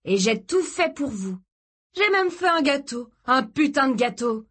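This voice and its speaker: A woman voicing a volatile, jealous young man who shouts and snarls vulgar threats. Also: mid-range voice, measured pace, husky. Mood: furious shouting.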